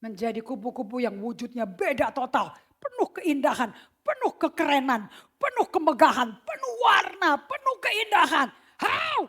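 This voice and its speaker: A woman preaching a sermon in a casual, slangy way, mixing in English phrases and swinging from loud shouts to hushed whispers. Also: high-pitched, big pitch swings, normal speed. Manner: mixes English phrases into her speech; casual slangy emphatic delivery.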